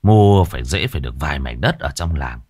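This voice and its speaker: A man narrating a ghost story in a dramatic, expressive storytelling manner. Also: very deep voice, brisk, breathy edge, dry recording, clean studio sound.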